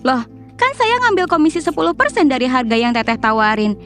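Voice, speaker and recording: A woman's voice: high-pitched, sing-song, a little fast, fairly bright tone, faint music behind. A woman voicing a grasping middle-aged aunt who talks about her commission in a matter-of-fact, wheedling way.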